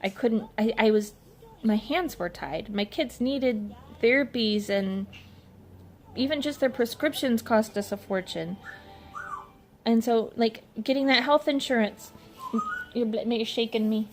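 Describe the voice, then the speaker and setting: A middle-aged mother speaks in a casual personal vlog, her fairly high voice unhurried as she rambles emotionally and keeps restarting sentences. Faint background noise sits under the recording.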